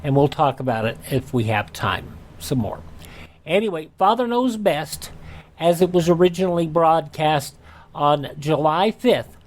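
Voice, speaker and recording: A radio host with a voice on the high side speaks expressively and without hurry. His manner is casual and folksy, somewhat rambling and hesitant, as he hosts and makes a personal product pitch.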